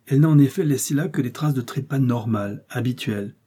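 A man's voice: medium pitch, fast, warm tone, husky, lightly acted. A male audiobook reader voicing a confident detective chief who lays out his deductions insistently. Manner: emphatic, insistent explaining. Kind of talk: audiobook character reading.

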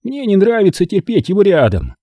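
A man plays a hulking, jealous older man who whines in a strangely high, slow voice. The sound is husky and mellow, read close and dry for an audiobook. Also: wildly swooping pitch, no room sound, heavily acted. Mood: plaintive. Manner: slow, whining and plaintive. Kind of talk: audiobook character voice.

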